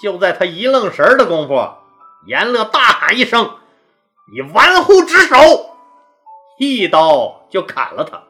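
Lively woman storyteller, bright voice. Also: lowish voice, normal speed, faint music behind. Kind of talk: history storytelling.

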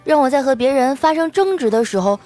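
Lady doing a snarky young coworker girl, high and bouncy, soft music under it. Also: lively intonation, fast talker. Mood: teasing. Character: sharp-tongued young female office coworker.

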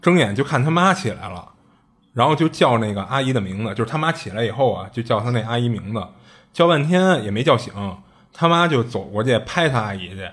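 A man's voice: mid-range voice, lively intonation, a little fast, a bit bright, breathy edge. A man casually retelling a strange story, chatty and colloquial, often circling back with little restarts and asides.

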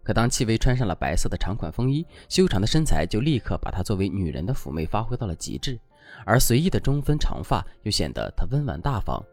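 A man's voice: on the low side, very animated, fast, a little mellow, dry recording, faint music behind. A man giving dating advice as a scripted, instructive lesson.

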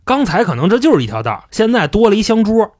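A male podcast host retells a classic story in slangy, casual chat and swears now and then. His pitch swings widely as he talks. The sound is dry and close to the mic. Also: sing-song, quick pace, darkish tone, dry recording.

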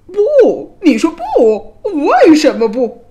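A woman voicing a loud, greedy and cruel old king who bellows his words. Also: huge pitch swings, extremely slow, full character voice. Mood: bellowing. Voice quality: booming and shouting. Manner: bellowing with harsh laughs.

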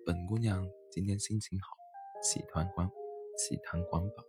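A sweet little girl bunny from a storybook, bubbly and teasing, her voice lifting a touch higher than the low storyteller's own, as a man puts her on. Soft instrumental music plays faintly behind. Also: fairly even intonation, moderate pace, close to an everyday voice. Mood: playful. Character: sweet, playful young female bunny.

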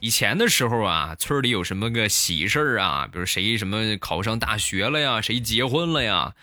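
A man hosting a comedy show, telling funny stories in a lively way and acting out the voices, close to the mic. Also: on the low side, brisk, no echo, faint music behind. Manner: lively, acts out every voice. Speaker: comedy host. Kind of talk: comic storytelling.

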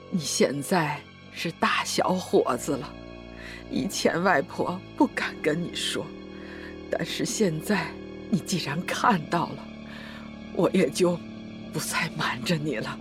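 A woman voicing an elderly grandmother in an audio drama, tender and worried, talking slowly with heavy sighs. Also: lowish voice, lively intonation, music in the background. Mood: grave. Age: older. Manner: slow, coaxing, sighing.

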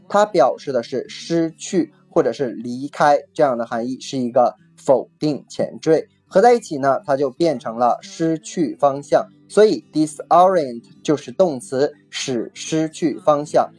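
A vocabulary teacher giving a recorded lesson, patiently explaining, repeating each key word twice and spelling it out slowly letter by letter. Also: mid-range voice, darkish tone. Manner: spells words letter by letter, slow and deliberate.

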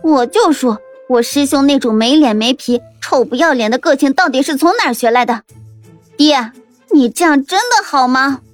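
A man voicing a feisty, bossy young daughter who snaps back with quick, scolding retorts in an audiobook. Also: extremely high pitch, faint music behind, voice pushed up. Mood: scornful.

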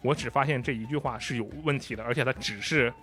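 Casting: quick, mid-pitched male co-host, precise and analytical, faint music bed. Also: a bit bright. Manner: detailed, analytical, acts out line readings. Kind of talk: casual gaming chat.

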